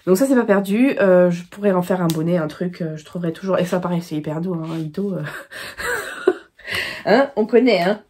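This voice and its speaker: A woman's voice: on the low side, a little fast, dark tone. A woman from France chatting casually about her knitting projects in her own vlog, rambling with many fillers and restarts. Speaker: knitting podcast host. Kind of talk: casual chat.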